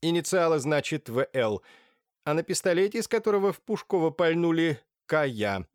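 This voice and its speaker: A dry, experienced police inspector, as a man reads him aloud, giving reports in short, businesslike phrases. The voice sits higher than the reader's own. The recording is dry and close. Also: expressive, moderate pace, dry recording, lightly acted. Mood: matter-of-fact. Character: experienced, dryly composed male police inspector.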